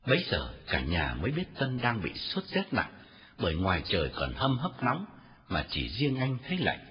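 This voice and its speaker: A man narrating a novel as an audiobook in an expressive storytelling reading. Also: lowish voice, moderate pace. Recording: dull lo-fi recording with faint music.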